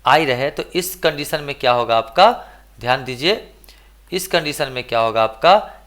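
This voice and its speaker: A man's voice: mid-range voice, expressive, a bit bright. Bihari man teaching, quizzing himself. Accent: Bihari Hindi. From India. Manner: asks and answers his own questions; repeats and stretches words slowly. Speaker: English teacher. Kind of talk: classroom lesson.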